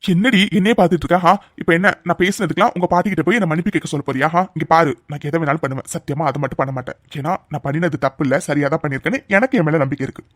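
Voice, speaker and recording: A man's voice: a little high, dry recording, studio quality, close to an everyday voice. A man voicing a fiery, devoted young lover. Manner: pleading and insistent, speaks fast. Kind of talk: cartoon dub dialogue.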